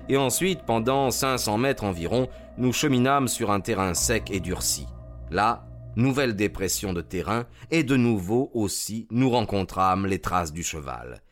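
A man narrating a classic detective story as an audiobook, in a measured, expressive storytelling voice. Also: on the low side.

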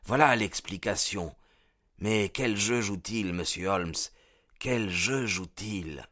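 A man voicing an eager, excitable male police inspector with emphatic outbursts. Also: sits low, measured pace, no echo, studio quality. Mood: excited.

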